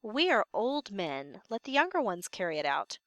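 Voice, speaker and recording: A woman's voice: medium pitch, big pitch swings, normal speed, a bit bright, dry recording. A woman reading a deferential old advisor.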